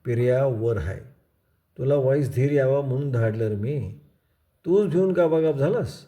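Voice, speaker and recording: Brief: a man playing an older villager, calm and teasing, rustic and unhurried, mellow tone. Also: mid-range voice, natural voice.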